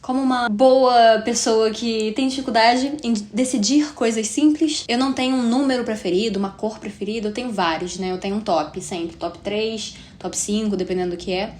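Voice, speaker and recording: A woman in her twenties from Rio de Janeiro speaks at normal speed with a steady tone and hardly any pauses, her voice a little high and a little mellow, with a Carioca Brazilian Portuguese accent. As a solo podcast host she's chatty and reflective, often using tag questions. There's a roomy echo and faint hiss.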